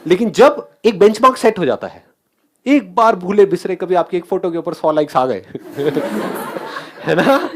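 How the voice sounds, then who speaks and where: A man's voice: high-pitched, animated, normal speed, noisy background. A man giving a motivational talk, asking the audience questions and mixing English phrases into his speech. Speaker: motivational speaker.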